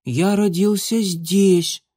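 A man voicing a proud, hot-tempered young kitten in a high, childlike voice for an audiobook. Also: steady tone, slow pace, slightly rough, no room sound, clean studio sound, exaggerated voice. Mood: puzzled. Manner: high squeaky childlike shouting. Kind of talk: audiobook character voice.

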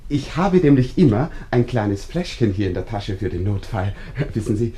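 An actor playing a fussy, overly polite village visitor in a radio play, effusive and rambling. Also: male voice, fairly low pitch, animated, moderate pace, mellow, slight background noise, close to an everyday voice. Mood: fussing.

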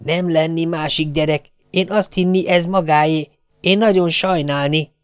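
A man's voice: a little high, steady tone, clean tone, no echo, studio quality, pitched above the performer's own voice, lightly acted. A man reading an audiobook, voicing a kindly Swedish ship's cook who speaks in broken grammar, earnest and apologetic.

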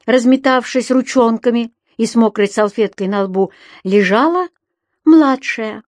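A woman narrating a novel as an audiobook, in a measured, expressive, unhurried way. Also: mid-range voice, no room sound, clean studio sound. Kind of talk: scripted literary narration.

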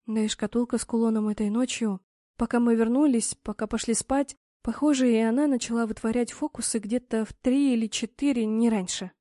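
A woman's voice: a little high, steady tone, brisk, warm tone, no echo, studio quality, lightly acted. A woman voicing an earnest young woman who explains what she has found out, in an audiobook.

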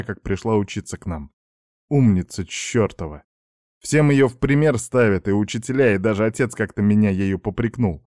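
A man reading a novel in first-person audiobook narration, even and measured. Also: lowish voice, no echo, studio quality.

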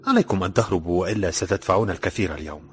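A man's voice: deep voice, racing, soft background music, lightly acted. A man voicing a confident, teasing young laborer who slips into an Egyptian accent. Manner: cheerful, teasing.

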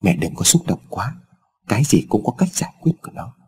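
A man voicing a grown daughter in a told story, speaking in a soothing, calming way. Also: on the low side, brisk, husky, exaggerated voice. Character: grown daughter, calm and comforting.

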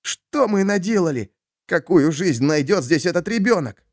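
A man's voice: fairly high pitch, animated, moderate pace, no echo, studio quality, pitched above the performer's own voice, lightly acted. A man voicing a timid, stammering man with a trembling voice in an audiobook story. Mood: nervous.

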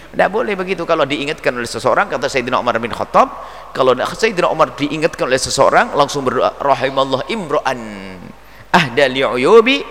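A man preaching a religious lecture, playfully acting out little dialogues for his audience. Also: medium pitch. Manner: lively, acts out dialogue, playful asides. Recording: long reverb hall.

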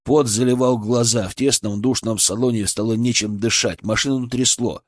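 A man's voice: medium pitch, steady tone, moderate pace, no echo, studio quality. A man reading a fantasy audiobook aloud in tense first-person narration. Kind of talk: scripted narration.

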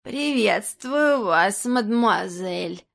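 Woman doing a creaky old antique dealer. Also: medium pitch, animated, a bit bright, exaggerated voice. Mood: sly. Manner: very slow and drawn out. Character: hunched old male antique dealer, sly.

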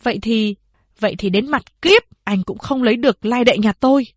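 A woman's voice: on the high side, moderate pace, no room sound, close to an everyday voice. A woman voicing a stern, anguished middle-aged mother who pleads and scolds. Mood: fierce. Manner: pleading, then fierce.

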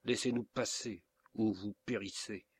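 A man's voice: on the low side, steady tone, measured pace, husky. A man voicing a grave, threatening mysterious stranger in an audiobook. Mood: menacing. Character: cold menacing mysterious male stranger. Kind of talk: audiobook character reading.

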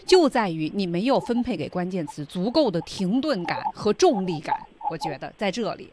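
Lively woman co-host on a radio lesson. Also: medium pitch, normal speed, background noise. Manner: attentive, backchannels and sums up.

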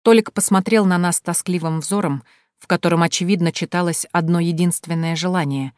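A woman reading a first-person audiobook in a wry, lively storytelling manner, close to the mic. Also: lowish voice, a little fast, clear, resonant tone, no echo. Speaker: audiobook narrator.

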